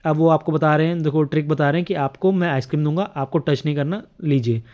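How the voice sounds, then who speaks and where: A vlogger narrates a family home video in a casual voice-over, chuckling often as he comments. He talks fast in a fairly high, darkish voice, and the audio is dull.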